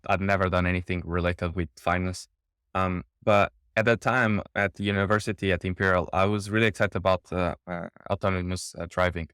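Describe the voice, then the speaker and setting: A Portuguese startup cofounder in his thirties answers interview questions in a relaxed, halting manner, full of fillers. His voice sits low and smooth, and the studio-quality recording has no echo.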